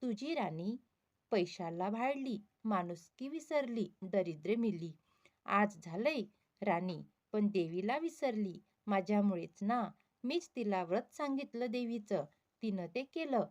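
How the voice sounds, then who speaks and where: A woman's voice: mid-range voice, animated, unhurried, a little mellow, lightly acted. A woman voicing an angry, poor old beggar woman who speaks bitterly in a storybook tale. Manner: bitter, scolding.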